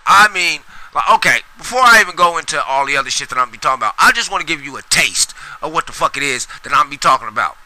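Middle-aged male podcast host, high bright voice, rambling profane solo rant. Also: expressive, rapid-fire, few pauses, poor audio. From Sacramento, US. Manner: profane, rambling, emphatic with repetitions.

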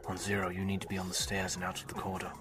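A man voicing a terse male squad leader under fire, giving clipped, quick commands. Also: low-pitched, completely flat delivery, lightly acted. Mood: hushed. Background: music.

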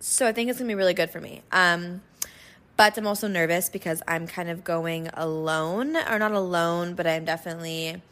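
Woman, mid-20s, podcast host, a little hoarse, low-ish voice, casual filler-heavy delivery. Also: normal speed, a bit bright. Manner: rambling, lots of likes and ums. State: hoarse from being sick. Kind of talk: casual chat, advice podcast.

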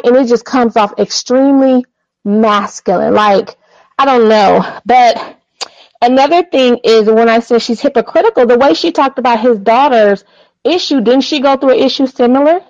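Female caller on a phone line, high voice, dry and muffled, blunt opinions. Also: a little mellow, no room sound. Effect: over a phone-quality call. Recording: dry, dull call audio.

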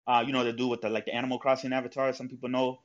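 A man talks casually and at length. His speech is full of fillers, restarts and profanity. The audio is dull and lo-fi, with an ordinary mid-range pitch. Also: completely flat delivery, very fast. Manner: rambling, profane, lots of fillers. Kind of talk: casual chat.

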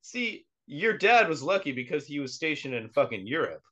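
A man's voice: fairly high pitch, big pitch swings, moderate pace, fairly bright tone, dull audio. A man co-hosting a podcast in casual chat, blunt and profane, laughing often. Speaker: podcast co-host.

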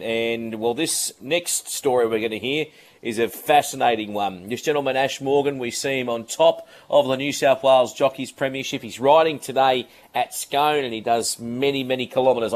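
A man's voice: medium pitch, normal speed. A man hosting a radio interview, friendly, with long rambling questions. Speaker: radio show host.

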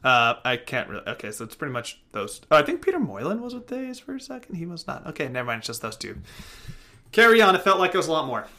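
A man co-hosting a casual sports podcast, talking loosely with swearing and bursts of excitement. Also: a little high, rapid-fire, few pauses. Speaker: podcast co-host.

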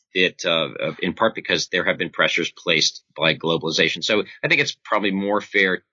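Male interviewee, very bright forceful edge on a low voice, halting scholarly delivery. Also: husky, no room sound, muffled recording. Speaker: interviewed author and foreign policy scholar. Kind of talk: interview answer, explanatory.

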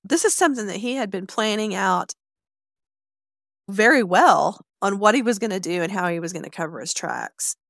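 Female co-host, mid-range pitch, casual blunt commentary, dry close recording. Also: a bit bright, no echo. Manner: chatty reactions and blunt asides. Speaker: true crime podcast co-host. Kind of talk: casual chat.

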